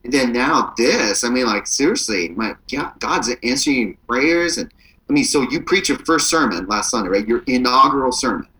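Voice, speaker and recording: Male podcast co-host, bright voice, goofy and playful, remote call audio. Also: mid-range voice, lively intonation, moderate pace, low-quality recording. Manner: jokey, playful, goofy outbursts. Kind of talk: casual podcast chat. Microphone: remote recording over the internet.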